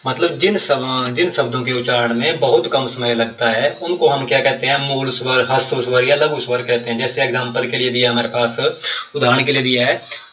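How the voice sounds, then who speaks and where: A man's voice: medium pitch, steady tone, moderate pace, fairly bright tone, recorded from a distance. Guy teaching grammar, repeats stuff a lot, lo-fi echoey recording. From Himachal Pradesh, India. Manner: explains step by step, repeating terms with many fillers. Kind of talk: Hindi grammar lesson for exam prep.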